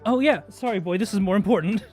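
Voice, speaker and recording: A man with a notably high-pitched voice talks casually as a player in a tabletop game. Music plays faintly behind him. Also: fast, a little mellow.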